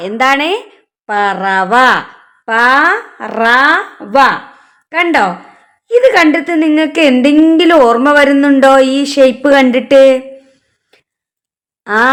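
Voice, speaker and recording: A woman leads a children's alphabet lesson. She speaks slowly and patiently, asking simple questions and repeating each word. Her voice sits a little high. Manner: slow, patient questions and repetitions. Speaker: teacher.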